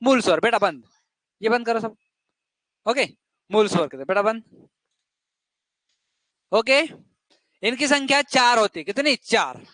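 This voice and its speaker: A man's voice: very high voice, expressive, a little slow, pauses often, fairly bright tone, no echo. A male teacher giving a classroom lesson to children, asking questions and drilling the answers over and over.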